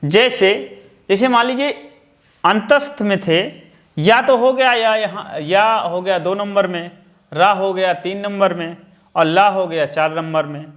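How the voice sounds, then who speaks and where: A man's voice: sits high, fairly bright tone. A man teaching a grammar lesson, explaining step by step and repeating key terms. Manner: slow, explaining step by step with counted lists.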